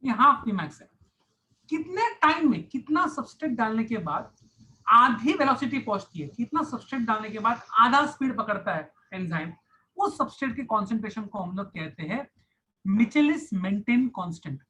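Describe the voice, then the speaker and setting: Male science tutor, online lecture, bright and crisp tone, repetitive step-by-step explaining. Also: extremely high pitch, very animated, normal speed, poor audio. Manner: repeats key phrases, mixes English terms into Hindi. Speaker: science teacher.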